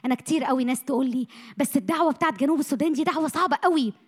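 A woman preaching a sermon to young people, passionate, moving from loud bursts to hushed lines, her voice a little tired. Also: high voice, very fast. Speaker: missionary speaker. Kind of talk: sermon to a youth meeting.

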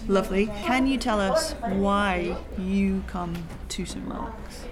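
A woman's voice: medium pitch, slow pace. A woman interviewing casually, encouraging and echoing back what she is told. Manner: encouraging, echoes answers back. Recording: loud crowd chatter around her.

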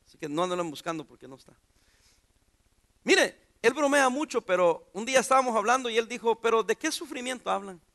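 A man's voice: very high-pitched, lively intonation, brisk, fairly bright tone. A pastor preaching an informal sermon in a church, joking and putting questions to his congregation.

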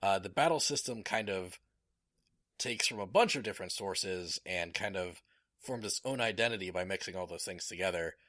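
Bright-voiced enthusiastic man chatting. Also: deep voice, normal speed, no room sound, clean studio sound. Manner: enthusiastic, rambling with fillers. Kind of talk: casual chat.

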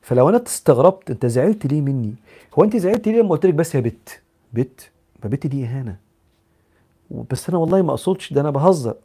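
A man's voice: mid-range voice, dark tone, slightly rough. A man with an Egyptian accent giving a live religious talk, answering questions in a conversational way, mixing in English psychology terms and acting out examples.

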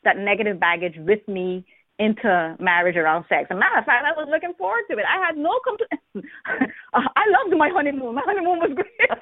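A woman from the Bahamas, an author talking candidly in an interview, animated and laughing often, with many restarts. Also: fairly high pitch, normal speed, long pauses, no echo. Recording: tinny phone-line sound.

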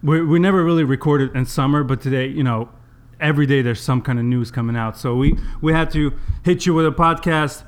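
A man hosts a casual sports podcast, chatting informally and addressing listeners directly. His voice sits on the high side and moves a little fast with hardly any pauses, his speech slightly impeded by new braces.

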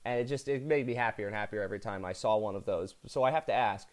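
A man's voice: fairly low pitch, fast talker. A man with a North American accent, interviewing as a podcast host in a chatty, effusive way.

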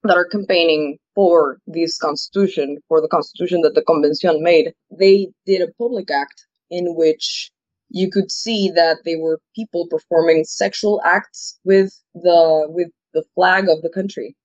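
A woman's voice: lowish voice, steady tone, normal speed, darkish tone, no room sound. Earnest woman. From Ecuador. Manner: earnest, opinionated, restarts her phrases often. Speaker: political campaigner guest. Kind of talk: interview answers. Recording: dull, dry audio.

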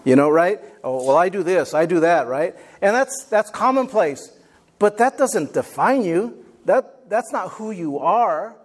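A man's voice: high-pitched, sing-song, a little slow. A man preaching a motivational sermon as a pastor, emphatic and repeating his phrases, prompting his listeners as he goes. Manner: prompts listeners with questions and calls for amen.

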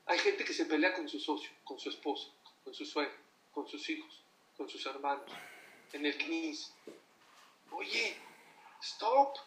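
A man preaching as a rabbi, emphatic, swinging between loud outbursts and low asides. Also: slight background noise. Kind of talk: sermon. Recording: roomy, from a distance.

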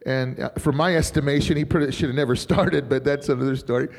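A man's voice: mid-range voice, fairly even intonation, quick pace. A middle-aged man, a pastor, telling stories in a rambling, chatty sermon and laughing often. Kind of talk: informal sermon storytelling. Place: church. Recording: reverberant church hall.

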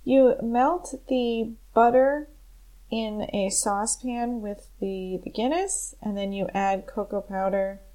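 A woman podcast co-host speaks at a slow, unhurried pace. Her talk is casual and conversational, with an everyday middle pitch. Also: mellow, poor audio. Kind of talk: casual chat.

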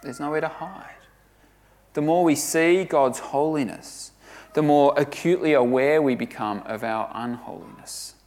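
A man preaching a sermon, earnest and emphatic, often dropping to a hush for weight. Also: a little high, a little slow.

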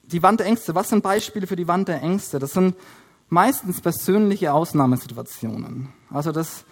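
A man with a notably high-pitched voice preaching in a teaching style. He explains one point after another, often stopping with hesitation sounds while he writes and draws. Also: expressive, normal speed. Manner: explanatory, with frequent hesitation fillers. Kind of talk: Bible teaching while drawing on a board.

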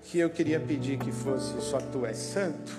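A male pastor preaches a passionate sermon and leads the congregation in prayer, speaking at normal speed with a medium-pitched voice. Loud guitar music plays behind him in an echoey hall.

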